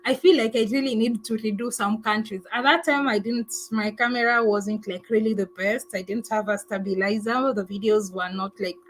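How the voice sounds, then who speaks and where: A woman's voice: mid-range voice, fairly even intonation, normal speed, hardly any pauses, rough recording. A woman travel vlogger chatting casually on a livestream, thanking viewers and answering their comments. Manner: chatty, thankful, laughs often, many fillers.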